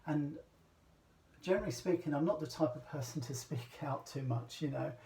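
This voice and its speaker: A man from Britain talks in a loose, halting way, with plenty of fillers and restarts. His voice is mellow and dark, and it is picked up from a distance in an echoey room. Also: a little high, gravelly, a little hiss or hum. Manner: hesitant, rambling, many fillers and restarts. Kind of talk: casual talk.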